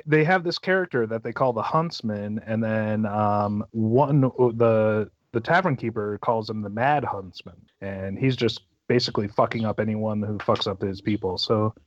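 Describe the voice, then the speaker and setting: A man's voice: normal speed, hardly any pauses, dry recording. A man co-hosting a book podcast, giving a loose, swearing, rambling chapter summary. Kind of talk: casual book discussion. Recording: muffled dry low-fi audio.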